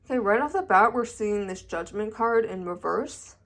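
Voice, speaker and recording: With a medium-pitched, fairly bright voice and lively intonation, a young adult woman reads tarot to camera at normal speed. She's chatty and keeps asking "okay?", sounding a little stuffy from allergies.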